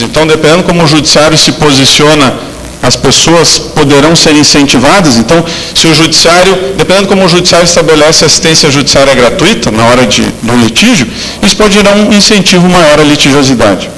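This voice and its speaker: A man from southern Brazil gives an academic law lecture, hesitant and full of fillers and restarts. His voice is a little high, a little fast, and a bit bright. The low-quality recording has a big-room sound.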